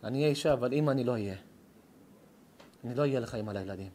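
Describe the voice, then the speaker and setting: A man voicing a young woman who pleads earnestly and softly with her suitor, told inside a sermon. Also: mid-range voice, slight background noise, voice pushed down, natural voice. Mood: pleading.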